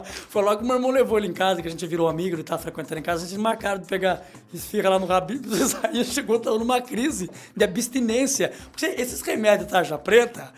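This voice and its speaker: On his comedic radio show, a middle-aged man rambles, cracks jokes, and reads news items aloud, his pitch swinging up and down. He's in a small studio using a studio microphone.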